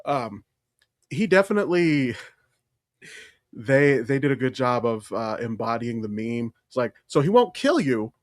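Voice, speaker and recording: A man co-hosting a podcast shares opinionated pop-culture chatter in a relaxed yet animated, emphatic style, cursing liberally. He speaks at a measured pace in a mid-range voice, and the clean studio sound has no echo.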